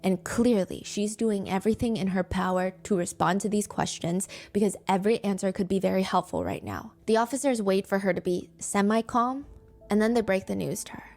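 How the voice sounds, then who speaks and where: A woman's voice: mid-range voice, expressive, fairly quick, creaky, a little mellow. A woman hosting a true crime show, narrating in a conversational way with asides and light humor. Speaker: true crime podcast host. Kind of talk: storytelling narration.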